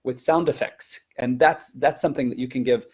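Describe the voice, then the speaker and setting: In a chatty webinar format, this presenter and teacher trainer explains and demonstrates with animation. His mid-range voice has a breathy edge, and he keeps a moderate pace.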